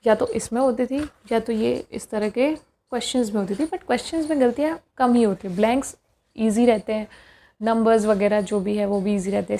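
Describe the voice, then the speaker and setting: A young woman giving casual spoken study advice to her viewers, pausing often to gather her thoughts. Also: fairly high pitch, gravelly, dark tone. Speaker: test-prep tips vlogger.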